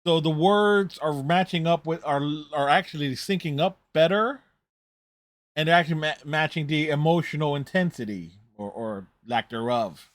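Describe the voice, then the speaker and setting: A man's voice: fairly high pitch, moderate pace, no echo. A man hosting a reaction video, giving casual, rambling, conversational running commentary on a TV show.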